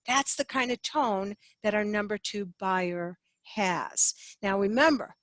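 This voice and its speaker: A woman teaching a slideshow lesson on sales, lively and expressive, sweeping her voice up and down to show inflection. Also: medium pitch, dry recording. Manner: lively, sings phrases up and down to demonstrate inflection. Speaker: sales trainer.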